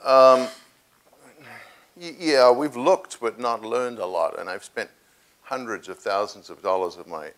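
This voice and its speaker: A man's voice: mid-range voice, fairly bright tone. Older guy fielding q&a in a big hall, lapel mic, lots of uh and restarts. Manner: halting, with many restarts and fillers. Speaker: guest speaker taking audience questions. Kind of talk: lecture Q&A, technical answers. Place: large lecture hall with seated audience.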